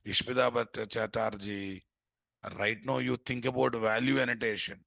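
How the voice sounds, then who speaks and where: A man's voice: mid-range voice, fairly even intonation, moderate pace, vocal fry, fairly bright tone, no echo, studio quality. A man with an Indian accent giving a live coding lesson as an instructor, often throwing in rhetorical questions. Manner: asks rhetorical questions, often repeating "what". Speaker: programming instructor. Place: indoors at a computer.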